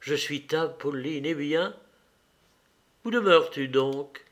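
A rapturous young woman in love, breathless and tender, speaking high and unhurried, as a male reader puts her on. Her words come slow and drawn out. It plays as a character in a read-aloud novel. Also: fairly bright tone. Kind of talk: audiobook character reading.

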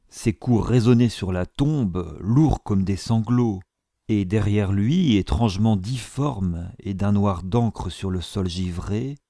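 A man reading a novel aloud as narrator, with measured, grave storytelling. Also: fairly low pitch, gravelly, dark tone, no room sound, studio quality. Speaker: audiobook narrator.

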